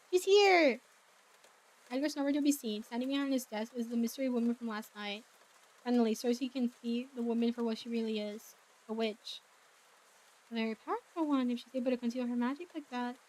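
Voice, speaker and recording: High-voiced young woman streamer. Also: fairly even intonation, quick pace, mellow. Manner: chatty, self-deprecating, many fillers. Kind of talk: casual streaming chat and narrating a visual novel.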